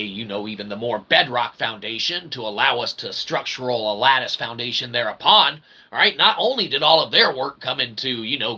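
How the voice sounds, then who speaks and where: An independent channel host and developer rambles through a solo monologue in wordy, mock-formal language, swinging his emphasis theatrically and repeating emphatic tags. His mid-range voice is sharp and slightly rough. The recording is rough, with noticeable background noise.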